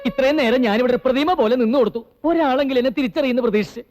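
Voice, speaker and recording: An actor playing a cheeky young impostor in a comedy film, with a theatrical, wheedling way of talking. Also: male voice, very high voice, very fast, a little mellow, faint music behind. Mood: mock offended. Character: cheeky young impostor bluffing as a noble relative.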